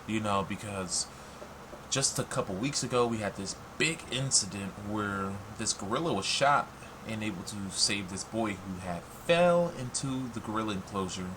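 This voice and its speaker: A man's voice: fairly low pitch, lively intonation, normal speed. An American man talking casually and bluntly in an opinion vlog, sometimes swearing. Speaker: online video commentator. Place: warm room at home with fan running. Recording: noisy, loud fan blowing nearby.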